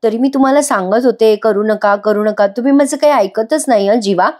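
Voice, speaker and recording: A woman's voice: on the high side, brisk, darkish tone, lightly acted. A woman reading the lines of a fussy, overprotective young wife who frets and chatters. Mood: fretful. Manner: fretful, fussing.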